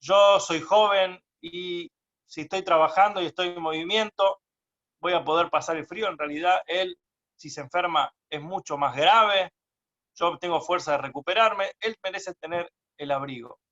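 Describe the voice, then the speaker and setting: A man's voice: high voice, moderate pace, fairly bright tone. A man telling of an insistent young working son. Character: hardworking young son, caring and stubborn. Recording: dull lo-fi recording.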